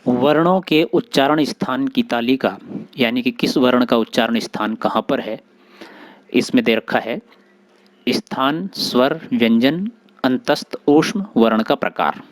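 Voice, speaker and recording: A man teaching grammar, explaining slowly and sounding out letters one by one, with short recited rules between them. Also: medium pitch. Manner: slow, deliberate, spelling out sounds one by one. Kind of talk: explanatory lesson.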